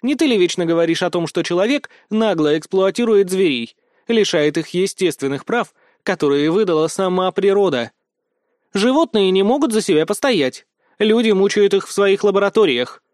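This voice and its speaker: A man voicing a small, feisty pigtailed female student who speaks in a shrill, heated way. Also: animated, normal speed, no echo, clean studio sound. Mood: furious.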